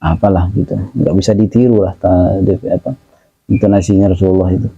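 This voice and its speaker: A man teaching a religious study class, reciting Arabic phrases slowly and then translating and explaining them. He talks casually to his students and calls on them by name. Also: sits low, level tone, breathy edge, no room sound. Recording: slightly dull, dry, lo-fi recording.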